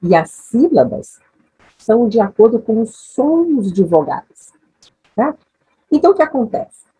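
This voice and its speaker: A woman's voice: fairly high pitch, sing-song, a little slow, warm tone, husky, lo-fi sound. A woman teaching an English lesson, patient and repetitive, checking in with her students after each step. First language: Portuguese. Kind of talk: slow, patient classroom lesson.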